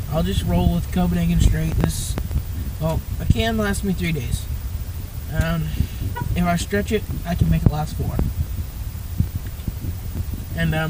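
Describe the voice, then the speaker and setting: A young man from Maine chatting casually and haltingly to viewers, rambling as he gives an amateur review. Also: fairly high pitch, heavy background noise. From northern Maine, United States. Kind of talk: casual vlog chat.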